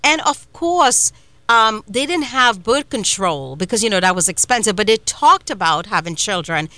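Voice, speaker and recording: A woman from Trinidad and Tobago hosting a casual interview, telling stories with animated laughter. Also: mid-range voice, moderate pace, no room sound. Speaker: show host.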